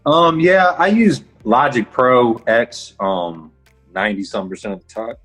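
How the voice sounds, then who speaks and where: A man's voice: medium pitch, measured pace, a bit bright, rough recording. A young man from Houston, Texas, a music producer guest talking casually in an interview, laid-back with lots of filler words. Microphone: livestream call.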